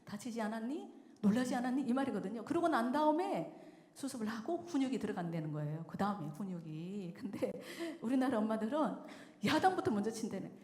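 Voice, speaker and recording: A woman's voice: mid-range voice, fairly quick. Woman preaching in an echoey church. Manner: lively storytelling, acting out quoted voices with frequent chuckles. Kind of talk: sermon at a mothers' prayer meeting. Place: church sanctuary. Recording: echoey church hall with long reverb.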